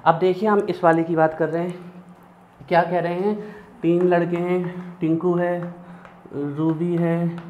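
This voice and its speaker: A man's voice: high voice, little pitch movement, slow pace. A male chemistry teacher, teaching periodic table mnemonics and chanting element names in rhythmic lists. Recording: dull lo-fi sound with faint background noise.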